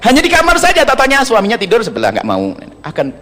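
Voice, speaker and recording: A man's voice: extremely high pitch, wildly swooping pitch, fast talker, sharp tone. A man preaching a sermon to an audience, teasing and humorous. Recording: long reverb of a large hall.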